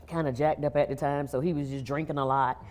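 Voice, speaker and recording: A woman guest tells her story on a talk show, speaking quietly and haltingly. Her voice is low and mellow. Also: steady tone. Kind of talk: personal testimony interview.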